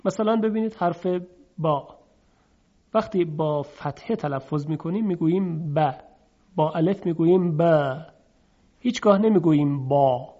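A man teaching a lesson on Quranic recitation, explaining step by step, asking and answering his own questions, and chanting example sounds slowly. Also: fairly high pitch, mellow. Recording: dull lo-fi recording.

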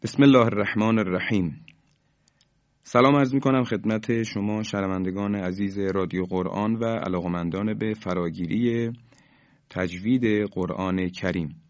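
A man teaching Quran recitation on the radio, explaining each rule and slowing down to model the recited examples. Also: fairly low pitch, no room sound, lo-fi sound.

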